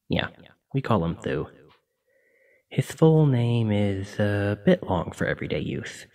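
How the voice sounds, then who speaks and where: A man plays a gentle, apologetic sleep paralysis demon for an ASMR roleplay, chatty and fond in an informal, reassuring way. His voice is on the low side and recorded from a distance.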